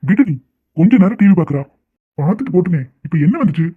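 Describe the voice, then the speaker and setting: A woman's voice: lowish voice, lively intonation, fast talker, husky, pitched below the performer's own voice. A woman voicing a doting middle-aged father who shields his daughter in a cartoon. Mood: indulgent. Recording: thin phone-like sound, off-mic.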